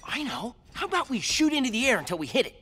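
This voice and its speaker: A man's voice: very high voice, sing-song, quick pace, pushed and bright, slightly rough, long reverb tail, exaggerated voice. A man voicing a hot-headed teenage mutant turtle who talks bluntly and sarcastically. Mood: gruff.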